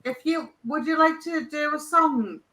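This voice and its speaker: A woman's voice: sits high, a little slow, sharp tone. A woman hosting a livestream chat, encouraging and affectionate, talking to her guest and the chat. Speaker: livestream host.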